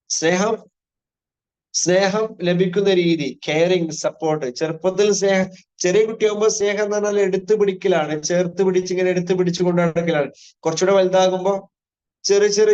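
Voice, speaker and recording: High-voiced male parenting trainer, lo-fi. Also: darkish tone. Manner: asks the audience rhetorical questions and repeats key phrases; mixes in English terms. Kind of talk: live online parenting lecture.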